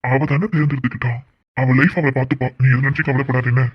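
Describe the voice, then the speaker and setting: Man voicing a harsh cartoon brother, fast scolding talk, husky voice. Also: mid-range voice, flat delivery, no echo, lo-fi sound, natural voice. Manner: blunt, scolding. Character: harsh, scornful younger brother. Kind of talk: cartoon voice acting.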